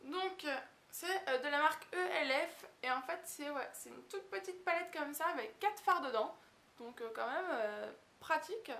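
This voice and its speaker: A young woman beauty vlogger chatting casually and gushing with excitement as she unboxes a package at home. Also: high voice, moderate pace, vocal fry. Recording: echoey room.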